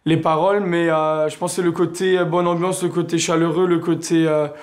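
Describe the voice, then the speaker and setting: A man's voice: fairly high pitch, flat delivery, brisk. A young man from Alsace, a singer answering interview questions hesitantly, with many fillers and restarts. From Alsace, France.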